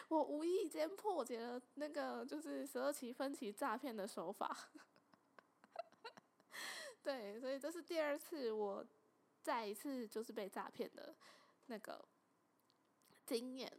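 A young woman with a Taiwanese Mandarin accent hosting a casual podcast, telling stories in an animated way and laughing often. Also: high-pitched, slow, vocal fry, pauses often. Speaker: podcast host.

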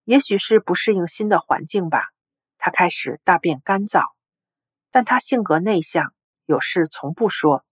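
A woman narrating a story article in a steady, even storytelling read. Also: fairly low pitch, normal speed, husky, no echo.

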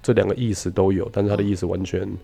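Low, gravelly man, patient teacher drawing out example words, faint music underneath. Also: flat delivery, dark tone. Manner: patient, explanatory, drawn-out demonstrations. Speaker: English pronunciation teacher. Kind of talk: radio-style English lesson.

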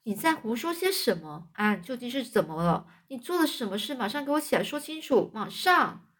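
A woman's voice: fairly high pitch, sing-song, brisk, fairly bright tone, slightly rough, voice pushed up, exaggerated voice. A woman voicing a strict older woman guardian who scolds and gives clipped orders in a storybook reading. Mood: stern.

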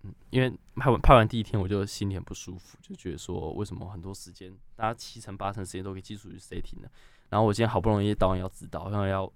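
A young man in his twenties with a Taiwanese Mandarin accent, a guest director telling stories in a halting way, repeating words and laughing as he goes. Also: low-pitched, fairly even intonation, gravelly. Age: 20s. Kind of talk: casual podcast storytelling.

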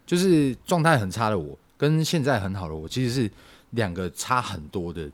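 A young man, telling a personal story on a podcast in a halting, reflective way. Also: fairly low pitch, animated. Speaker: podcast co-host. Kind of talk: casual podcast chat.

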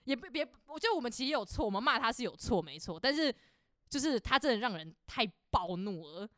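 Young woman, podcast co-host, heated rapid storyteller, higher voice, dry close sound. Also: very animated, a bit bright, dry recording. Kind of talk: casual chat.

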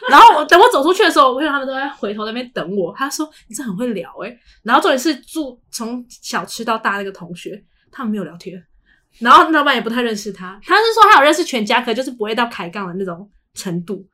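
Very animated and quick, a young woman's slightly high voice sounds pushed and bright. She co-hosts a podcast with a Taiwanese Mandarin accent, chatting casually and performing the dialogue in her stories.

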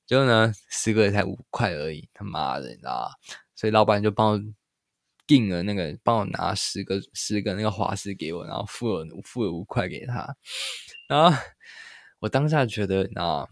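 A man's voice: on the low side, expressive, a little fast, creaky, dry recording, studio quality. A young man with a Taiwanese Mandarin accent, telling a rambling solo story as a podcast host and laughing at himself. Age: young adult.

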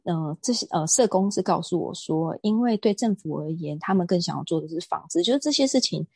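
A woman, a guest on an interview show, telling stories in an outspoken, animated way. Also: on the low side, fairly quick, gravelly, slightly rough, no echo. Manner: outspoken, self-described fiery temper; animated storytelling. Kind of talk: casual interview talk.

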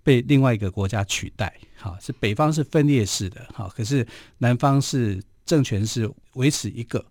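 A man with a Taiwanese Mandarin accent hosts a radio history program, speaking in a loose storytelling way that is dotted with little filler particles. His voice sits at a middling pitch. The studio sound is dry and close. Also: moderate pace, a little mellow, no echo. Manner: chatty, frequent filler particles.

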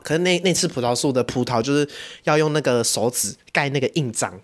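A man's voice: medium pitch, fast talker. A young man with a Taiwanese Mandarin accent, co-hosting a podcast and telling childhood stories in casual chat, laughing often. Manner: animated storytelling, laughs often. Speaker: podcast co-host.

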